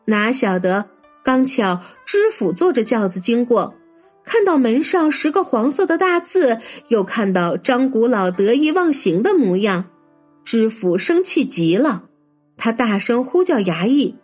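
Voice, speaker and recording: A woman telling a traditional folk tale as a children's storyteller, in an expressive, lively way. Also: fairly high pitch, unhurried, soft background music. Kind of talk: storybook narration.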